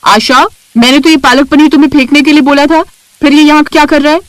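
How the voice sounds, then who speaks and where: A woman voicing a haughty elder sister-in-law in a cartoon, loud and scolding. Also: low-pitched, moderate pace, breathy edge, no echo, pitched below the performer's own voice. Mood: angry.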